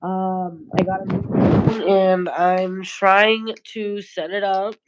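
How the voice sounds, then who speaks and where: A woman hosts a late-night livestream on a phone or tablet camera, her medium-pitched voice flat and slow, nasal and congested from a cold. She talks in a loose, rambling, slightly stoned way, and the recording is muffled with slight background noise.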